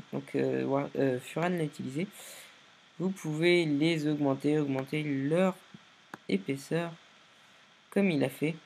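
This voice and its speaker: A man's voice: a little high, vocal fry, a little mellow, a little hiss or hum. Man, casual tutorial narration, tired, hesitant, restarts often, step-by-step. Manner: hesitant, many fillers and restarts, step-by-step instructions. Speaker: video editing tutorial maker.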